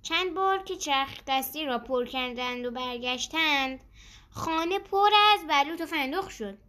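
High bright-voiced woman storyteller. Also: expressive. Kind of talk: children's story narration.

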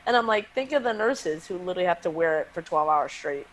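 A woman's voice: on the low side, animated, quick pace, poor audio. Young woman, podcast co-host, casual chat, many fillers, laughs a lot. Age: 20s. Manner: chatty, laughing, filler-heavy.

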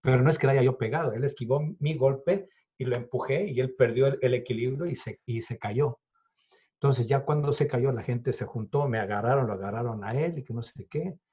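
A man's voice: medium pitch, fairly quick, mellow, breathy edge. A Mexican man in his fifties telling a story in an interview. He acts out the dialogue and swears freely. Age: 50s. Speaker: guest, illusionist. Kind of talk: animated storytelling in conversation. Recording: dull lo-fi recording.

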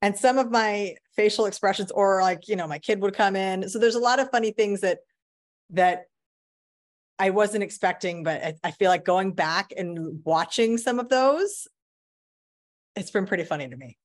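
A woman's voice: mid-range voice, moderate pace. A woman co-hosting a podcast in casual chat, a mother talking candidly and wryly in long rambling stretches. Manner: candid, rambling, wry humor. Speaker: podcast co-host; parent.

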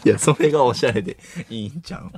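A man with a Kansai accent co-hosting late-night comedy radio, teasing and firing back quick comebacks. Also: mid-range voice, background noise. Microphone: studio microphone.

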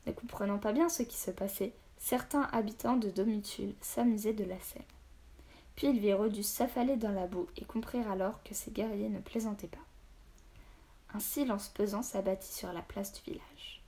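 A woman narrates a children's audiobook with steady, expressive delivery. Her voice sits at a middling pitch, neither high nor low. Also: normal speed.

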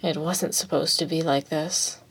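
A brooding young male villain, read by a woman, his voice drained and flat with a dry, sardonic edge. He speaks in measured lines in a fan fiction read-aloud. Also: lowish voice, close to an everyday voice.

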